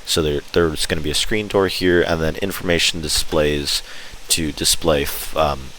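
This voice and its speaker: A man's voice: rumbling low, steady tone, moderate pace, a bit bright. A man giving an enthusiastic, informal walkthrough commentary as host of a gameplay video. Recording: clear background noise.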